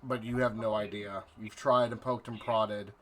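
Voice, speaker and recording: A man narrating a horror tabletop game as game master, halting and dramatic, repeating phrases for effect. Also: lowish voice, steady tone, a bit bright, slight background noise.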